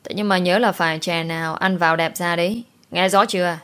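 A woman voicing a vain, sharp-tongued rich mistress who scolds and mocks. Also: on the low side, fairly even intonation, fairly quick, clean tone, natural voice. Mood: scolding. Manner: scolding, sour and mocking.

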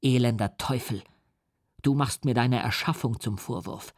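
A man's voice: mid-range voice, a little slow, no room sound, lightly acted. Male reader doing a young scientist in a rage: vehement, declaiming, dry. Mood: furious. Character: enraged young male scientist cursing his creation.

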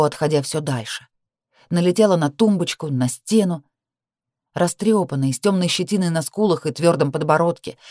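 A woman with a fairly low voice reads a first-person novel aloud with feeling. The recording is close and dry, with no room sound. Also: dry recording. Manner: expressive, emotional reading. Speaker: audiobook narrator.

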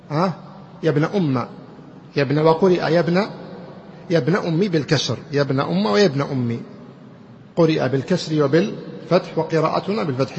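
A man with a somewhat high voice teaches grammar to a class, explaining step by step and throwing questions at his students. The recording is dull and muffled, with a long reverb trailing off the hall and a faint hiss underneath. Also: darkish tone. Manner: explains slowly, quizzes students with rhetorical questions. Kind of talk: classroom lecture.

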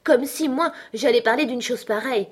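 Lady doing a tiny angry mouse, piercing and indignant, high and loud. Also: moderate pace, husky. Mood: furious. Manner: indignant, scolding. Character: furious shrill cat-hating mouse.

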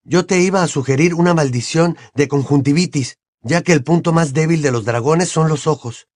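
A man's voice: a little high, normal speed, darkish tone, no room sound, voice pushed up, lightly acted. A man voicing a teenage boy wizard who talks in a dry, slightly exasperated way. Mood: earnest. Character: teenage boy wizard, wry and a little defensive.

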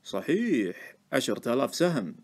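A man with a Gulf Arabic accent voicing a calm, shrewd old male stock trader, speaking in a cool, dry, unhurried way. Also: mid-range voice. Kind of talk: audiobook character voice.

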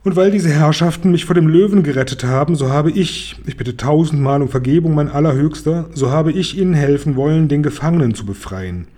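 A fawning, boastful merchant from a children's storybook, as a man puts him on. He grovels eagerly and theatrically, in a dark, husky voice. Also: a little high, brisk, few pauses, lightly acted.

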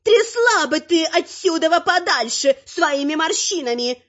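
A woman's voice: very high voice, animated, a little slow, fairly bright tone, voice pushed up, exaggerated voice. A woman voicing a big, grumpy, quarrelsome female troll who growls threats. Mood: gruff. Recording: muffled lo-fi recording.

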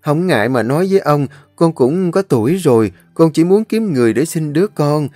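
A man's voice: fairly high pitch, lively intonation, fairly quick, a little mellow, no echo, soft background music, voice pushed up, close to an everyday voice. A man voicing a young woman who keeps ducks, earnest and pleading. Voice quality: raised, pleading tone. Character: young countrywoman duck-keeper, earnest and pleading.

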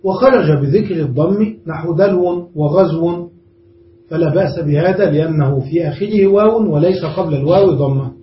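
Male grammar teacher, high-pitched, explains patiently step by step and checks in with students; recorded far off in an echoey room. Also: moderate pace. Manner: explains step by step, often asks the class "understood?". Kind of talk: classroom grammar lesson. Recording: roomy, distant, dull lo-fi room recording with faint noise.

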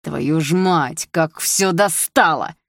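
A furious young brother, barking and hissing his words, as a woman reading the story puts him on. The voice sits low and gravelly. Close, dry sound with no room around it. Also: takes it slowly, no room sound, full character voice. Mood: bitter. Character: angry young man, protective older brother.

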